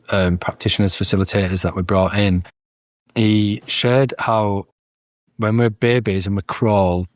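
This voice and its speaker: A thoughtful male guest with a fairly low voice, recorded close in a dry room. He gathers his thoughts aloud with pauses and self-corrections. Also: dry recording. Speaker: podcast guest. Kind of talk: casual spiritual conversation.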